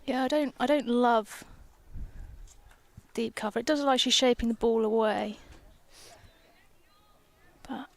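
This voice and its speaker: Young woman, cricket co-commentator, slightly high voice, headset mic, chatty and playful. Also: a little slow, creaky, long pauses. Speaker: professional cricketer as guest co-commentator. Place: outdoors under a gazebo at a cricket ground.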